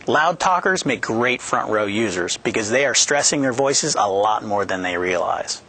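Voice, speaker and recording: Here a male product manager in his thirties runs a scripted training session on a yellow-backdrop studio set, wearing a headset boom mic. The voice is fairly low and animated, moving at a moderate pace with a sharp tone. His delivery stays upbeat and jokey, with steps explained clearly.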